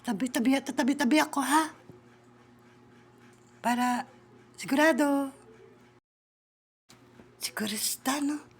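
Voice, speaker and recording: A woman with a high voice plays out an improvised comedy skit. She talks in a bossy, teasing way. She keeps slipping into muttered, whispered asides. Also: takes it slowly, long pauses.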